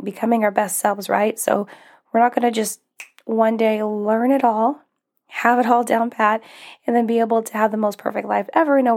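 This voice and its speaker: On her solo podcast, this young life coach talks in a slightly high, darkish voice that's a bit strained, and can crack, after she lost it. The talk is casual and encouraging, with an upbeat mood, frequent small laughs, and fillers.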